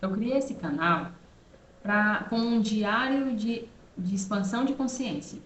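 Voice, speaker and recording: A woman's voice: mid-range voice, measured pace, reverberant. A woman hosting her own channel, talking earnestly and directly to the viewer in a casual personal monologue, full of rhetorical asides. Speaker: channel host.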